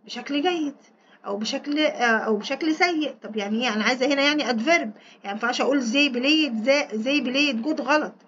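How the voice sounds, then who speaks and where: Egyptian lady teacher, rattles off arabic then says the english slow, spells stuff out, high voice, muffled lo-fi audio. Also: a bit bright, slightly rough. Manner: quick Arabic explanation, slow deliberate English repetition, spells words out. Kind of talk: recorded exam walkthrough lesson.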